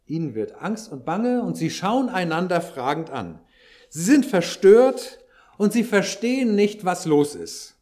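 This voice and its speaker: A man's voice: sits high, big pitch swings, measured pace, darkish tone. A man preaching a sermon, explaining a Bible passage with occasional dry asides. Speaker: pastor.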